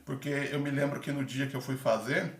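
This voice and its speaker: A man's voice: medium pitch, fairly even intonation, a little fast. A man giving casual, chatty tips about a theater aptitude test, acting out little examples as he goes. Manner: chatty, full of fillers, acts out examples. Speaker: former theater-course candidate giving tips. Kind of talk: casual advice vlog. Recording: echoey room, mic at a distance.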